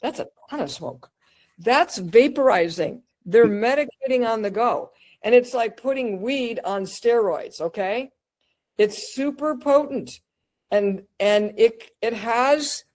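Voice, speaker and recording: A woman giving an energetic, chatty lecture over slides on cannabis wellness, asking her audience questions and acting out little scenes. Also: a little high, rough recording.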